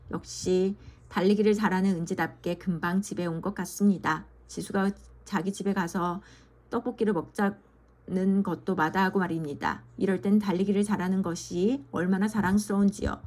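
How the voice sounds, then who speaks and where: Woman reading a kids' storybook aloud, steady mid-pitched voice. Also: moderate pace. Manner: gentle, steady reading with small slips.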